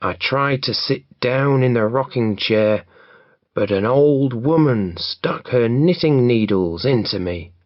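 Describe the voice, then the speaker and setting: Scared complaining robber put on by a man reading, slow, dull lo-fi audio. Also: mid-range voice, lively intonation, no echo. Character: frightened young robber, breathless storyteller.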